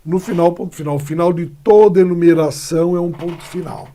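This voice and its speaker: A man's voice: a little high, fairly even intonation, brisk, dark tone. A male Brazilian Portuguese teacher explaining punctuation in a classroom lesson, often checking in with short tags as he points to examples.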